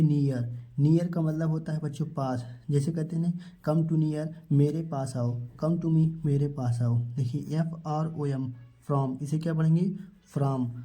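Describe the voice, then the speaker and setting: A man gives a step-by-step spelling and pronunciation lesson, posing questions and answering them himself. His voice sits a little high for a man, and its tone is very dark and mellow. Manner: asks questions and answers them himself, repeating each word; addresses viewers as children. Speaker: English teacher.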